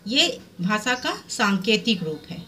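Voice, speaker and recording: A woman's voice: mid-range voice, very animated, slow pace, sharp tone, a little hiss or hum. A woman teacher giving a recorded revision lesson, explaining step by step and answering her own questions. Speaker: Hindi teacher.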